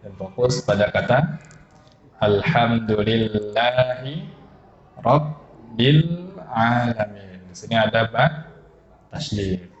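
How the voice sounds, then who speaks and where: A man's voice: fairly low pitch, roomy sound, muffled recording. A man with an Indonesian accent teaching Quran recitation rules, quizzing his students and chanting example syllables. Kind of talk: tajwid lesson.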